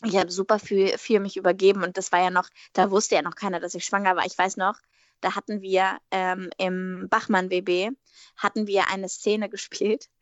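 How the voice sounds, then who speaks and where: A woman actress chatting in an interview, telling animated anecdotes and acting out her own quotes, with frequent tag questions. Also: mid-range voice, moderate pace, no echo, muffled recording. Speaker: actress on a TV series. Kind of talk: casual interview chat.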